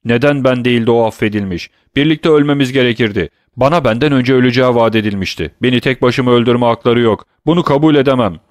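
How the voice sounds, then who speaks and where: A man voicing a desperate condemned man of about thirty who shouts in frantic fury. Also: fast talker, few pauses, no echo, clean studio sound, natural voice. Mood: frantic rage. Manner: shouting, raised pitch.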